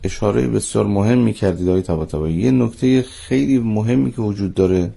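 A man, a cleric speaking as an expert radio guest, formal and devout as he explains, with a husky, gravelly voice. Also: fairly low pitch, warm tone. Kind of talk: religious discussion on radio. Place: radio studio.

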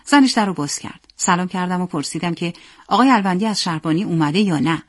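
A woman narrating a story in a steady, plain reading voice. Her pitch sits in the middle for a woman, and she keeps an even storytelling pace. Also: no echo, studio quality.

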